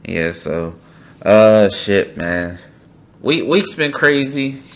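A man's voice: on the low side, lively intonation, very slow, gravelly. Laid-back man hosting a podcast. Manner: loose and profane, repeats words for emphasis. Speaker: podcast host. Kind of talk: casual podcast chat.

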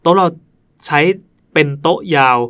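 A man's voice: normal speed, a bit bright. A male podcast host reading listener ghost stories aloud in a chatty way, stopping now and then to comment. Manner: chatty, breaks off to joke and comment.

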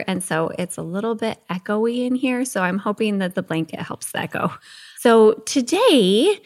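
A woman hosting a teen coaching podcast, recording from under a blanket in an empty home office. She talks in a chatty way and keeps checking in with "okay?". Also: medium pitch. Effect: recorded under a blanket, muffled. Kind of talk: casual solo podcast talk.

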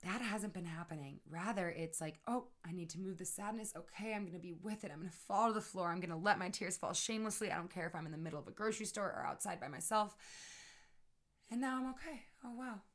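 A woman with a notably low, deep voice talks through her own grief in a reflective personal monologue. She speaks softly and earnestly, often sinking to a hushed near-whisper, and keeps checking in with the listener. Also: fast talker, few pauses.

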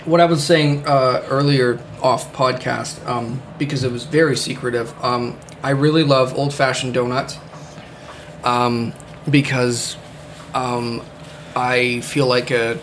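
A man's voice: mid-range voice, fairly even intonation, takes it slowly, a bit bright, slight background noise. A man hosting a casual podcast chat, rambling with many fillers and the odd swear word. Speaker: podcast host.

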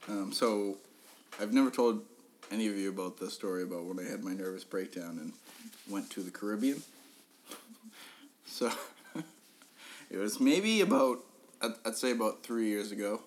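A man's voice: fairly low pitch, expressive, normal speed, long pauses, slight background noise. A young man on a podcast telling a funny story in a casual way, swearing often, laughing at his own story and often restarting his sentences. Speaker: podcast co-host.

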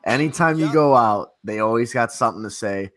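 A man's voice: mid-range voice, animated, a little fast. A man co-hosts a loose podcast, speaking bluntly and emphatically and swearing freely. Faint music plays under his voice. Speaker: podcast co-host. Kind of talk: casual podcast chat.

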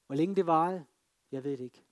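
A man delivers a sermon in a somewhat high voice. He tells it like a drama, pressing hard on some lines and dropping almost to a whisper on others. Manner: dramatic storytelling, swinging between emphatic and hushed. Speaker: preacher. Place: free church.

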